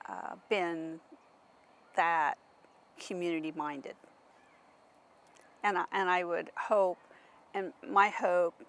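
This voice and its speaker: A woman church member talks earnestly as an interview guest, pausing often with fillers. Her voice sits fairly low and has a strong gravelly fry. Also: fairly bright tone. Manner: earnest, halting, many fillers. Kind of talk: casual interview chat.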